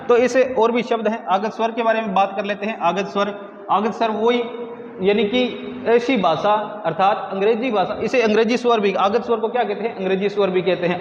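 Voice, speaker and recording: A male Hindi grammar teacher giving a classroom lesson, asking questions and answering them himself, repeating key words. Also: high-pitched. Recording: roomy lo-fi classroom recording, faint noise.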